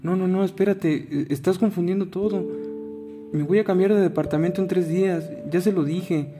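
A man voicing a hurt young woman who pleads with her lover, his voice pushed higher. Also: steady tone, moderate pace, natural voice. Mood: flustered. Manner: pleading, flustered, voice raised higher. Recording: guitar music playing behind.

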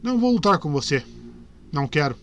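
A man's voice: on the high side, sing-song, a little fast, a bit bright, no room sound. A man voicing an earnest young male knight who insistently pleads and refuses, in a dry close recording. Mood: pleading.

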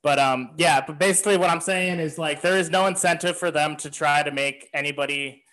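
A man's voice: on the high side, steady tone, brisk, sharp tone, rough recording. A young man co-hosting a casual chat, laid-back and swearing freely as he explains things. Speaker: co-host.

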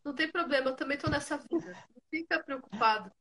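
Bright, high-voiced woman host. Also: fast talker. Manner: expressive, laughing storyteller. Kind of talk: casual video-call chat.

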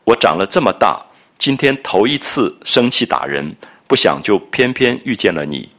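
A man reading out the lines of a spoiled, hot-tempered young nobleman from a classic novel, in a slightly lower voice. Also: sing-song, moderate pace, fairly bright tone, heavily acted. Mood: rueful.

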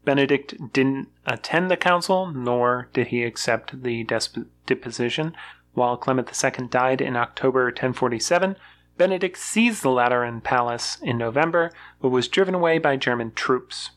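A podcast co-host reading a history summary aloud in an even, casual way, with occasional fillers. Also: mid-range voice, normal speed.

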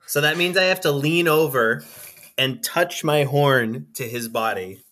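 A man's voice: a little high, a little slow, sharp tone. A man chatting casually as a player in a tabletop game, with a dry, sarcastic manner.

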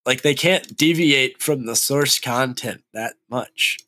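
A man's voice: mid-range voice, slow, bright, forceful tone. A man co-hosting a casual anime podcast, blunt and swearing freely as he rants about a show. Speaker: podcast co-host reviewing anime. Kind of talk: casual profane banter.

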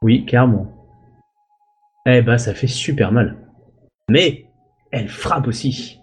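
A man at an ordinary middle pitch runs a tabletop game as game master. He talks haltingly, padding with filler sounds and popping out little sound effects as he narrates. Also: faint music behind.

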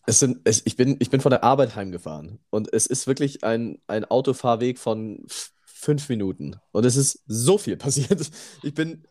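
A man's voice: mid-range voice, expressive, normal speed, hardly any pauses, warm tone. Laughing, rambling podcast man. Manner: laughs often, rambling storytelling. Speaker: podcast co-host. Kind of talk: casual podcast chat.

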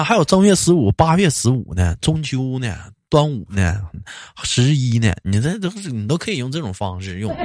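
A man with a Northeastern Chinese accent hosting a talk show in a colloquial, comic ranting style full of rhetorical questions. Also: medium pitch. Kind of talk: casual comic rant and banter.

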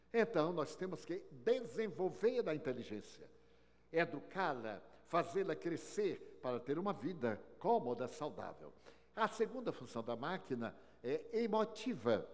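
An older man delivers an inspirational lecture, his fairly high voice rising and falling in wide, lively swings. He tells his stories with wry humor, dropping soft and then ringing out loud. His words carry a long reverb from a large hall. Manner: storytelling with wry humor, sweeping swings in loudness.

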